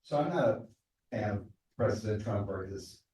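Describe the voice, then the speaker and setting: Far from the mic in a very echoey hall, a man in the audience makes a statement and then asks a question. His low, slightly mellow voice has lively intonation at normal speed, though he stumbles and repeats words while building his point. Slight background noise is present.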